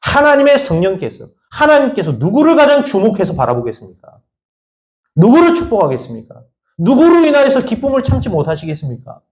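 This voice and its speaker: A male pastor preaching a sermon, firing rhetorical questions at the congregation and swinging between raised high lines and quiet low asides. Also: huge pitch swings, fairly quick. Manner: emphatic, fires repeated rhetorical questions at the congregation. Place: church sanctuary. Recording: echoey church room.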